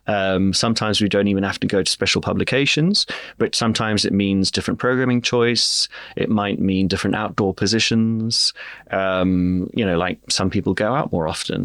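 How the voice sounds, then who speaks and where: A man with a low voice and a grainy, gravelly edge, heard in a dry, close recording. He talks as a podcast guest, measured and unhurried, often pausing on an "um" before going on. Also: fairly bright tone, no echo. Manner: measured, explains at length with frequent "um" pauses. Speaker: guest, media director. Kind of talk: podcast interview.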